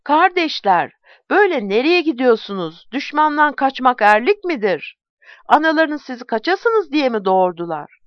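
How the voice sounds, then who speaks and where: A woman reading aloud and voicing a bold, fearless male Ottoman warrior who shouts his battle cries. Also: on the high side, very animated, moderate pace, smooth, no echo, highs cut off. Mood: rallying.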